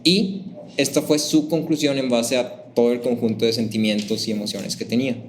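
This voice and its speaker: A man leading a church class at a middle pitch, talking easily and asking his listeners questions. He breaks into higher, livelier voices to act out things people say. A faint hiss sits under his voice. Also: moderate pace. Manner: lively, acts out sample phrases in raised voices; conversational, asks the class questions.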